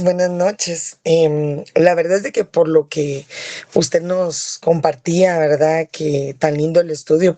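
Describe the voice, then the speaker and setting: A woman tells a church testimony in an earnest, storytelling way and keeps checking in with her listeners. Her voice is warm and mellow. The sound is dry and close, as on a video call. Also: medium pitch, no room sound. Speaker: church member giving a testimony. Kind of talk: spoken testimony.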